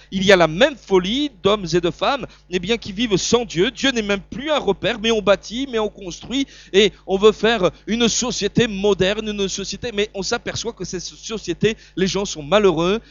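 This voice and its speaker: A middle-aged man with a southern French accent preaches a sermon, stumbling over and repeating words while swinging between loud emphasis and quiet asides. His voice is high, and the recording is dry and muffled.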